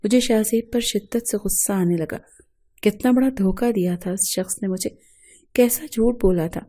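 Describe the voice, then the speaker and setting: Brief: woman storyteller, dramatic first-person narration, very dark warm tone. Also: medium pitch. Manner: emotional, dramatic.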